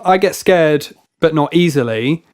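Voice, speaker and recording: A man's voice: fairly high pitch, animated, measured pace. A young man, a podcast co-host, rambling through a story in casual chat and swearing freely.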